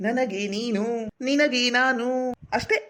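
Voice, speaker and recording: A woman playing a sweet-talking young village man with a North Karnataka Kannada accent, coaxing and flattering his sweetheart. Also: fairly high pitch, measured pace.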